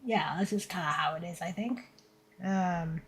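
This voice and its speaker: A woman in her twenties chatting casually and thinking aloud while drawing on a stream, in a tired, low-energy, laid-back voice, into a desk mic. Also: moderate pace, a bit bright, a little hiss or hum. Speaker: VTuber streamer. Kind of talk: casual art stream chat. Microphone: desk microphone set to surround pickup.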